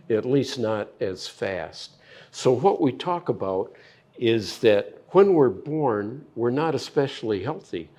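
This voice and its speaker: An older male physician explains health science in an interview, laying out each point with plain analogies. He speaks in an unhurried, measured way, and his voice has a dark, mellow tone. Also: medium pitch. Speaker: physician guest.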